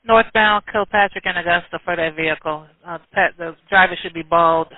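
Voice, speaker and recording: A man's voice: high-pitched, fairly even intonation, brisk, dry recording. A man working as a police dispatcher over a police radio transmission, relaying vehicle details steadily with small hesitations. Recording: tinny dry radio channel.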